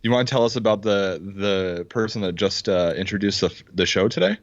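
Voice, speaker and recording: An excitable man with a very low voice co-hosts a casual sports podcast, sometimes pounding the table as he talks. He is heard over a video call, and the sound is dry, dull and lo-fi. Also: brisk, no echo. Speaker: podcast co-host. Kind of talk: casual fantasy football chat.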